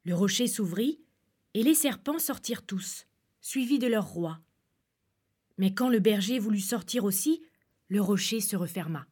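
A woman calmly reading a fairy tale aloud as storyteller. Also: medium pitch, measured pace, long pauses, husky.

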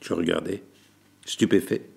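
A man reading a literary story aloud as narrator, in a measured, deliberate way. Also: low-pitched, gravelly, breathy edge.

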